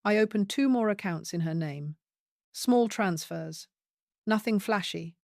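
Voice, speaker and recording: A greedy, smug son plotting in a low, unhurried voice, as a woman narrator puts him on. His words come slow and satisfied, dry and close to the mic. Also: vocal fry, darkish tone, no echo.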